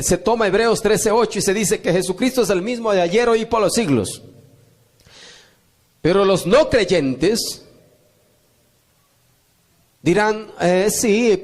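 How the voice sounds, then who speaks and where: Man, pastor, high voice, emphatic repetitive sermon. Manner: emphatic, repetitive preaching with rising calls of amen.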